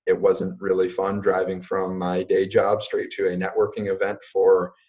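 A young man in his twenties speaks casually as a guest on a podcast, with a very low voice. He fills his talk with ums and likes and keeps an easygoing tone. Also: completely flat delivery, moderate pace, darkish tone. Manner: casual, many fillers like "like" and "um". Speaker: guest entrepreneur. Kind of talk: podcast interview.

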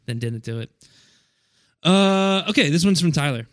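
A man's voice: a little high, lively intonation, normal speed, no room sound. A man co-hosting a podcast, chatting casually and laughing often. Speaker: podcast co-host. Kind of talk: casual chat.

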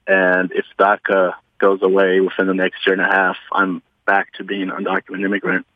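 A man's voice: low-pitched, monotone, a little fast, no room sound. A man in his twenties calling in to a radio show over a phone line, talking earnestly in a rambling way with restarts. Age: 20s. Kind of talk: casual call-in comments. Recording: tinny dry phone line.

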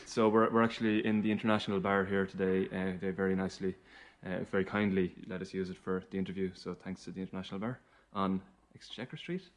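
Male podcast host, lowish voice, informal conversational interviewing. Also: steady tone, fast, hardly any pauses, a little hiss or hum. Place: inside a city bar.

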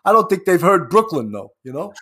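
A man with a New York accent hosts an interview show. His voice sits a little high, and he talks casually and conversationally with his guest. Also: sing-song, a little fast, pushed and bright.

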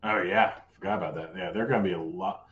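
The sound is lo-fi as this man, with a low, slightly bright voice that's turning hoarse, runs a live sports betting show. He chats and jokes casually while zipping through his picks.

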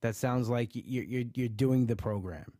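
In a mellow, mid-range voice at normal speed, a man talks to livestream viewers about his weight loss, reading their comments as he goes. He's congested from allergies and rambles with frequent restarts and "you know"s. The clean studio recording has no room sound.

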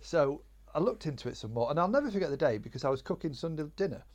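A man's voice: a little high, sing-song, fast, darkish tone. A man from Sheffield, a comedian guest telling a rambling, self-deprecating story in casual chat. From Sheffield, England.

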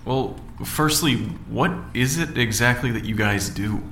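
A man's voice: medium pitch, unhurried, a bit bright, roomy sound, a little hiss or hum. A man playing an unsure male amateur investigator who probes hesitantly and sounds weary. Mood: wary.

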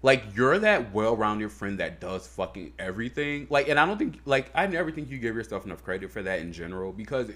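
Man, bright voice, casual podcast chat, rambling and heartfelt, lots of fillers. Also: fairly low pitch, big pitch swings, brisk, few pauses. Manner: loose, heartfelt, heavy on fillers and profanity. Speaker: podcast co-host.

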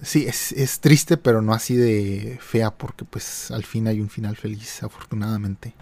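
A man's voice: lowish voice, steady tone, a little slow, creaky, mellow, a little hiss or hum. A man hosts a podcast, reading online posts aloud and chatting about them in a conversational way with hesitant fillers. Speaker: podcast host.

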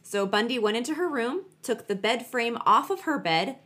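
A woman's voice: fairly high pitch, animated, normal speed, a bit bright. A woman co-hosting a podcast, telling true crime stories in a chatty, emphatic way and repeating words for stress. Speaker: podcast co-host.

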